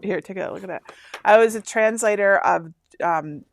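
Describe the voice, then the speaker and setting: A chatty woman in her fifties from Michigan, USA, hosts a casual live stream, rambling and laughing often as she reads instructions aloud. Her gravelly voice is medium in pitch at a moderate pace, with a little hiss or hum in the recording.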